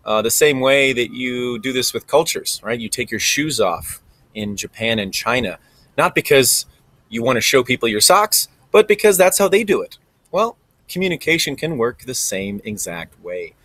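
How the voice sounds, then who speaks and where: A man's voice: mid-range voice, very animated, normal speed, a bit bright, dry recording, rough recording. Man musing aloud to camera. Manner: conversational, thinking aloud with frequent ums. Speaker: vlogger. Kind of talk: reflective monologue to camera. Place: recording alone in front of a camera.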